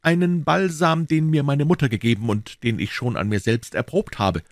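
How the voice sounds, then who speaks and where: A man's voice: mid-range voice, fairly even intonation, moderate pace, no echo, pitched above the performer's own voice, lightly acted. A man reading aloud, voicing a polite, brave young male swordsman in a raised voice. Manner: polite, formal.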